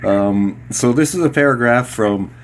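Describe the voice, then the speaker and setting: A man's voice: medium pitch, unhurried, slight background noise. Chatty male radio host. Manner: relaxed, chatty, laughs at his own slips. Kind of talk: interview and reading aloud.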